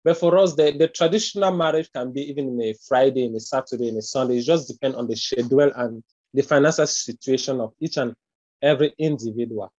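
A man from Cameroon with a Cameroonian accent, answering interview questions in a hesitant, unhurried way full of pauses and fillers. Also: medium pitch, darkish tone, dry recording, dull audio. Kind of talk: casual conversational interview.

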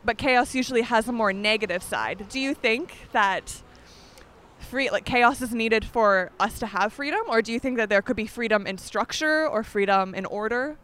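A woman's voice: a little high, normal speed, fairly bright tone. A woman from Canada co-hosting a church podcast, chatting casually with fillers and interviewing people on the street. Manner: friendly, chatty, many fillers.

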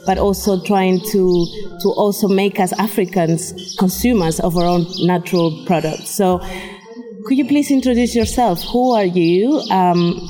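A woman interviewer speaks in a conversational way, putting questions to her guest. Her voice sits at a medium pitch and has a soft, dark warmth. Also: measured pace, long reverb tail, soft background music. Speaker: interviewer and host.

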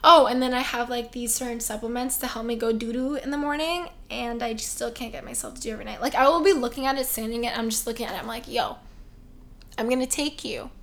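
A woman's voice: on the high side, fairly even intonation, quick pace, few pauses, fairly bright tone. A young woman co-hosting a podcast in casual chat, chatty and self-mocking. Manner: chatty, self-mocking, acts out quoted voices. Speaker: podcast co-host.

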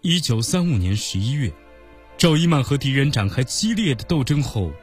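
A man narrating a story for children in an expressive, animated way. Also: mid-range voice, normal speed, husky, soft background music.

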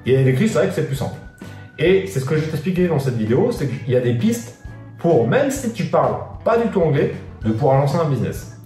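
A man's fairly high, mellow voice moves in a sing-song way and a little fast as he coaches viewers on business online. He talks straight to camera, casually and with slang, addressing the viewer as "tu" and using many fillers. Faint guitar music drifts through the echoey room.

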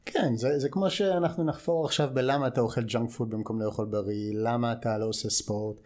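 A man's voice: mid-range voice, a little mellow. A man from the United States with an American accent, explaining things as an expert guest in an interview, in a didactic way with short check-in questions. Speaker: guest clinical psychologist.

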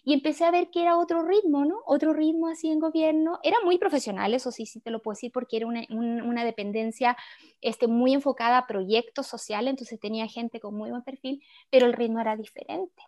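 A woman, the guest of an interview, telling a work story in an animated, chatty way full of little fillers. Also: high voice, brisk. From Chile. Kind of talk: conversational storytelling.

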